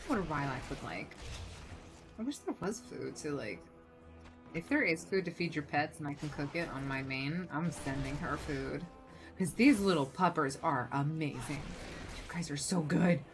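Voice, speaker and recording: A woman with a fairly low voice chats casually on a gaming livestream. She thinks aloud as she plays, moving between muttered asides and livelier remarks, with faint music behind her. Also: expressive, moderate pace. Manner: chatty, thinking aloud, swinging from muttering to exclaiming. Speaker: game streamer.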